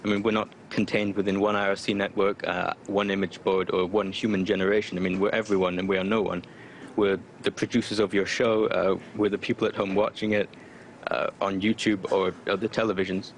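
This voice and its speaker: Guy w a disguised deep voice on a call, defiant, lots of ums, low pitch. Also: flat delivery, fairly quick, slight background noise. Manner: defiant, loose, many fillers. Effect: voice disguised lower. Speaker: spokesperson for online activist group. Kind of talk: remote interview answers. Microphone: remote call connection.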